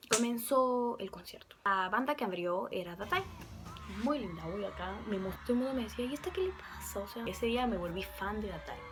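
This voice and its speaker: A young woman casually telling a fan story to camera, chatty and excitable, sometimes dropping to a whisper. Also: a little high, noisy background. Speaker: fan vlogger.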